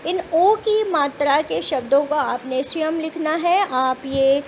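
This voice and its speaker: A woman's voice: sits high, slow, slight background noise. A woman teaching children a phonics lesson, sounding out each word letter by letter and explaining meanings with everyday examples. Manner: sounds out words letter by letter, then says them whole. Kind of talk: slow spelled-out phonics lesson.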